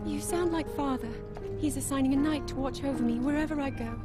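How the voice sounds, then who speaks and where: High-voiced, earnest young princess, played by a woman. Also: brisk, over loud music, lightly acted. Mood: polite, earnest. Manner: formal, precise, earnest phrasing. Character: young princess, earnest, dutiful, strained by doubt. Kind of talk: English-dubbed fantasy video game acting.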